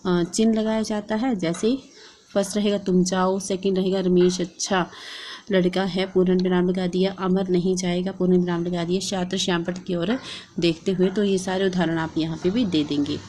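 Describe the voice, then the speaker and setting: Low, mellow-voiced Hindi-accented woman teacher. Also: normal speed, slight background noise. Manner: steady instructive delivery, reading out and dictating. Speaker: teacher-training vlogger. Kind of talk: explaining a lesson plan.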